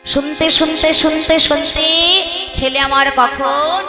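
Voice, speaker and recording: A woman's voice: sits high, steady tone, takes it slowly. A woman kirtan singer telling a devotional story expressively and leading the crowd in chanting. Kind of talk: sung storytelling devotional performance. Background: devotional music with tabla.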